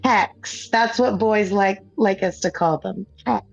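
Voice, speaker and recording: A woman hosts a gaming stream, chatting casually and telling a rambling story while she plays, laughing often and restarting sentences. Her mid-range voice is slow with vocal fry. Soft background music plays under a dull, dry lo-fi recording.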